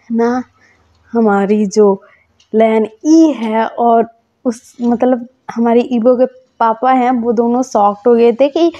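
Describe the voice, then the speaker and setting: A woman casually telling a fan-fiction story in a rambling, halting way, with many fillers, recorded on a phone. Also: on the high side, warm tone. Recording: muffled lo-fi audio.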